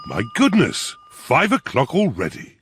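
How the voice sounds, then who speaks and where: A man voicing a jolly, gentle father pig in a preschool cartoon, with a jovial, indulgent manner. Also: a little high, huge pitch swings, unhurried, soft background music, full character voice.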